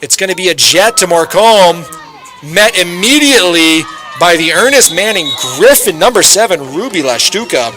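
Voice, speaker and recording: A man doing live play-by-play commentary on a football game, rising sharply in excitement on big plays. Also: sits high, moderate pace, music in the background, crowd noise.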